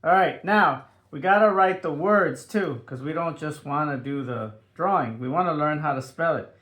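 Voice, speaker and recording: A man's voice: fairly high pitch, normal speed, a bit bright. A man leading a step-by-step drawing tutorial for children, upbeat and sing-song, dropping in playful sound effects as he draws.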